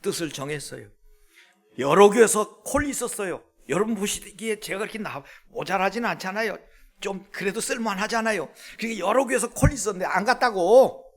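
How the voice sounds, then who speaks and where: High, lively-voiced male pastor preaching. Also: brisk. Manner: animated, swings between hushed and loud, asks the congregation questions. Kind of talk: sermon. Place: church sanctuary.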